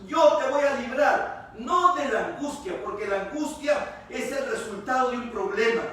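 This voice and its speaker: High-voiced male pastor in an echoey hall. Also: normal speed, fairly bright tone. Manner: emphatic preaching, stretching and repeating key words. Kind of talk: sermon. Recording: echoey church hall, voice from far off.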